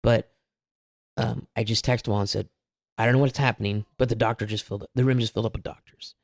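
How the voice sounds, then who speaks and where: A man's voice: fairly low pitch, steady tone, fast, gravelly, no room sound, studio quality. A man telling his family's story as a guest, candid and rambling, with a few self-aware laughs. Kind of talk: casual personal storytelling.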